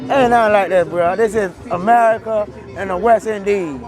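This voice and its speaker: Emphatic man on a loud street. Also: high-pitched, normal speed. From Miami, Florida. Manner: loose, emphatic street talk. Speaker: restaurant owner. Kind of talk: street interview. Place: outdoors on a busy street. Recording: outdoor street with music and crowd. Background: music and crowd noise.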